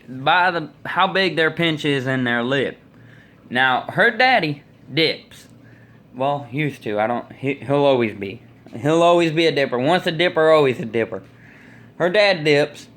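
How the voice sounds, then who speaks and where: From a small indoor room, a man in his twenties with an American accent casually tells rambling, opinionated stories in a folksy way, phone at arm's length. His pitch is fairly high and a bit bright.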